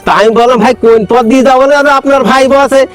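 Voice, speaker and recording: A man's voice: extremely high pitch, little pitch movement, fast, smooth, soft background music. An actor playing a fussy, bumbling male village matchmaker, pleading and repeating himself in a rural comedy skit. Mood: exasperated shouting. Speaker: comic actor.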